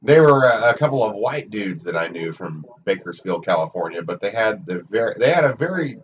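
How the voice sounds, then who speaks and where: A man with an Oklahoma Okie accent chatting casually and haltingly as a sports livestream commentator. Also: lowish voice, big pitch swings. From Oklahoma, United States. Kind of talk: casual rambling chat during a match stream. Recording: muffled, distant mic with background noise.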